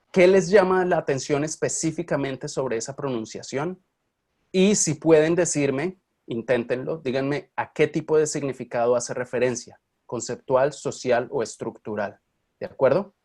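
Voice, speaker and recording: A man's voice: medium pitch, darkish tone. Chatty male teacher in online class. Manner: chatty, checks in with frequent questions. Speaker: university Spanish linguistics teacher.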